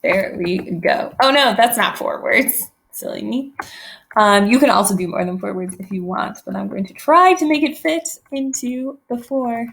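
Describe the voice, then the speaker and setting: A woman's voice: a little high, animated, moderate pace, vocal fry, fairly bright tone. A woman teacher giving an online poetry lesson, thinking aloud in a friendly way while she types.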